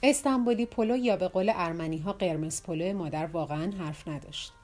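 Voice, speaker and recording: A woman narrating an audiobook in a calm, measured reading. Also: on the low side. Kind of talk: scripted narration.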